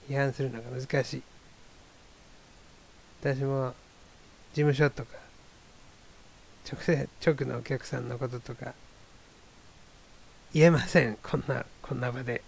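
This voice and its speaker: Gravelly man musing in a casual monologue. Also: medium pitch, steady tone, a little slow, pauses often. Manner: rambling, wry, self-deprecating musing. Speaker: solo talk show host.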